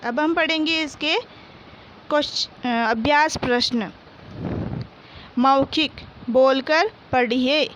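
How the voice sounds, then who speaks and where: Slow, patient woman teaching Hindi. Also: high voice, fairly bright tone, slight background noise. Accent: Rajasthani Hindi. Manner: slow, patient, repeats each word twice for pupils; asks questions and answers them herself. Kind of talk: Hindi primary-school lesson, reading words aloud.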